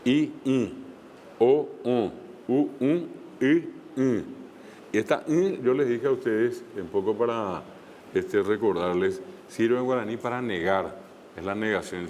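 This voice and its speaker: A man's voice: medium pitch, darkish tone, big-room sound, a little hiss or hum. A man teaching a language class online, explaining step by step with frequent fillers and repeated examples.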